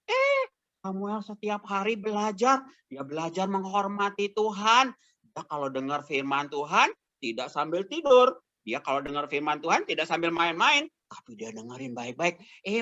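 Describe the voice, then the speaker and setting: A man's voice: high voice, sharp tone, no room sound. A man, an evangelist telling a Bible story to kindergarten children, exclamatory and full of questions.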